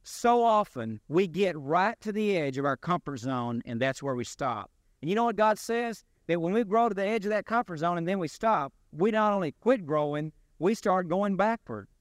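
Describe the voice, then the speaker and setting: A man preaching a sermon as pastor, in a deliberate, emphatic delivery with rising and falling stresses. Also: high-pitched, lively intonation, dry recording, studio quality.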